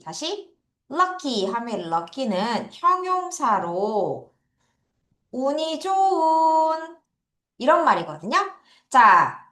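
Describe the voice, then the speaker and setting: A woman's voice: fairly high pitch, pushed and bright. A woman teaching an online English lesson, coaxing students to repeat words after her. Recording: echoey room.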